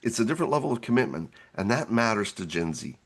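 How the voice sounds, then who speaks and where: A man with a somewhat low voice that has gone hoarse and gravelly talks through an instructional webinar. He explains each step earnestly, in a plain presenter's manner. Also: big pitch swings, quick pace. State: hoarse, gravelly from losing his voice.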